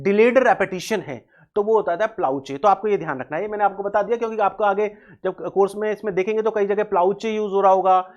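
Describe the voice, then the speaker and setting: A man's voice: high-pitched, muffled recording. Man teaching, spelling terms aloud. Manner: explains step by step, repeats key terms, spells words letter by letter; mixes Hindi with English terms. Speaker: English teacher. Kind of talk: exam-prep video lecture.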